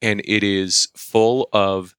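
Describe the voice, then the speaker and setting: Bright, low-pitched male podcast host. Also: fairly even intonation, takes it slowly, clean tone, no echo, clean studio sound. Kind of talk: casual chat, anecdotes.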